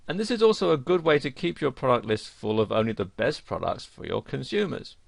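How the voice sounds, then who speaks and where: A man reading a scripted instructional narration for an online course, with a lively, emphatic delivery. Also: medium pitch, vocal fry, no echo.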